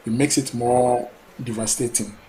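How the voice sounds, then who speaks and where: A man's voice: medium pitch, little pitch movement, moderate pace. Male caller from Ghana, hesitant and earnest, noisy line. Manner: hesitant, many fillers, earnest. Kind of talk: call-in talk.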